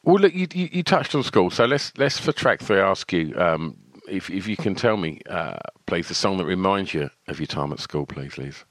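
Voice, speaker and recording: A man hosting a relaxed conversational interview. His voice sits low but rises and falls in a lively, animated way, and he laughs as he talks. The sound is dry, with no room echo. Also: moderate pace, hardly any pauses. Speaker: podcast host.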